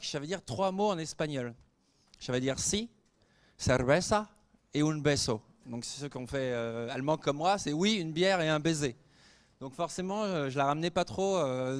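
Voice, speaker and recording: A man in his forties, a guest speaker telling anecdotes to students in a lively way, with many fillers. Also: fairly high pitch. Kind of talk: storytelling talk to students.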